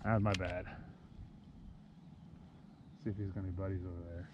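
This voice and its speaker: A middle-aged man vlogs while fishing from a kayak outdoors, rambling to the camera in a relaxed way as he casts. His voice sits low and moves at a moderate pace, sounding muffled because the action camera is mounted behind his head. The outdoor camera audio carries steady noise.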